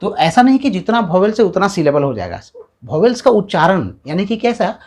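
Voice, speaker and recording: A man gives a step-by-step video grammar lesson. His pitch swings widely as he talks, and he drags out syllables to sound them out. He often checks in with his listeners. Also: sing-song, a little fast, a little mellow. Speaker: English grammar teacher. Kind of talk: classroom-style video lesson.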